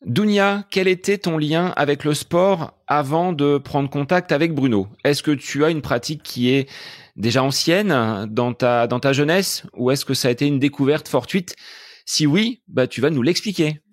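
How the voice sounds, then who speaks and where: A man's voice: on the high side, moderate pace, dry recording, clean studio sound. A man hosting a running podcast, asking formal, structured questions. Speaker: podcast host. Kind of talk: podcast interview.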